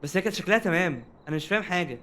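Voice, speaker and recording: Lively Egyptian gamer man, fast and bright. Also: high-pitched. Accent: Egyptian Arabic. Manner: animated, jokey, talks to game characters. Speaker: gaming streamer. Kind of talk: casual let's-play commentary.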